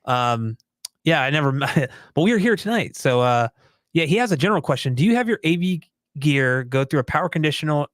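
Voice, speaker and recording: Smooth-voiced man rambling casually. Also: fairly high pitch, animated, brisk, no echo. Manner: rambling, easygoing and self-deprecating. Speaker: podcast co-host. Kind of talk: casual live-stream chat.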